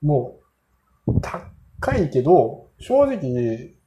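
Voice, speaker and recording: A man's voice: fairly high pitch, big pitch swings, drawn-out words, background noise. A man casually telling rambling, self-mocking anecdotes in a solo monologue. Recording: roomy echo.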